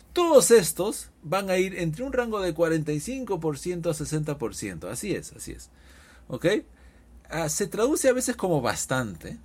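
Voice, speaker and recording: A male English teacher, his husky voice sitting a little high for a man. He swings his pitch up and down a lot as he explains, and he stretches out each English example slowly. It has the feel of a friendly podcast lesson. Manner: lively, animated explaining with drawn-out example phrases.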